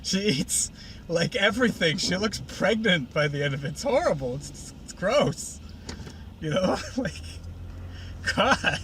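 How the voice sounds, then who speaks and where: A man rambles through a sarcastic, casual retelling, full of fillers. His voice is bright and slightly high. A faint car hum sits behind him.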